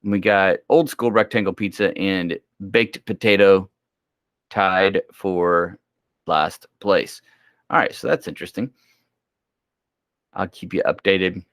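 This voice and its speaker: A man's voice: on the low side, fairly bright tone, no echo, studio quality. A man hosting casual school homeroom news, chatty and joking, sleepy and yawning as he reads announcements.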